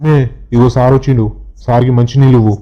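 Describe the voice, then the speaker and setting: A gruff village father played by a middle-aged man scolds in fast, flat bursts. His voice is very dark and heavy, and the recording sounds dull and lo-fi. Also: mid-range voice, noisy background, lightly acted. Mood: scornful. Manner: contemptuous scolding.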